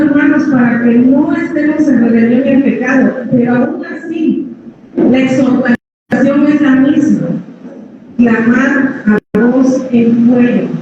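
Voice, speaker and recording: A woman with a big, strong voice preaching a sermon, often dropping low to address her listeners as brothers. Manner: addresses listeners as brothers, drops pitch on each "hermanos". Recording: echoey hall, from far off, dull sound, noisy.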